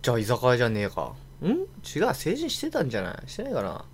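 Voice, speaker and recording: A man's voice: mid-range voice, fast talker, breathy edge. A young man co-hosting a casual podcast, telling an anecdote and acting out quotes with energy. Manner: animated storytelling, acts out quotes loudly. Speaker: podcast co-host. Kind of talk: casual chat.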